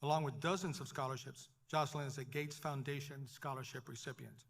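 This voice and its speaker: A man reading a formal ceremony announcement at a podium microphone, listing honors in a measured, formal way. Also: mid-range voice, steady tone, vocal fry, a bit bright. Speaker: ceremony presenter.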